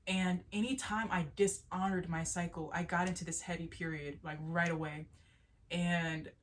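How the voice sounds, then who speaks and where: A woman's voice: fairly low pitch, steady tone, normal speed. A young woman with a stuffy nose giving a casual, earnest tarot reading, rambling with restarts and little laughs. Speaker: spiritual tarot reader. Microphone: solo video to camera.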